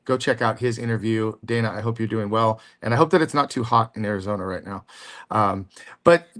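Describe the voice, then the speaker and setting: A man's voice: fairly low pitch, a little fast, fairly bright tone. A man hosting a podcast interview, asking questions in an upbeat, encouraging way. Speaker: podcast host. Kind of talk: casual interview.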